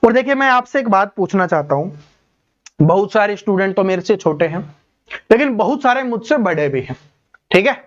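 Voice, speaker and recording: High-voiced man teaching an exam class. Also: animated, a little fast. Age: 30s. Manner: explains step by step, asking students rhetorical questions. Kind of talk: online exam-prep lesson. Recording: dull lo-fi recording.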